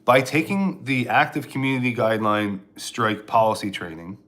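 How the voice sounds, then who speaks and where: A man's voice: mid-range voice, moderate pace, a bit bright. A man from Pennsylvania, a stand-up comedian, rambling sarcastically in a casual live stream while answering chat, with frequent restarts.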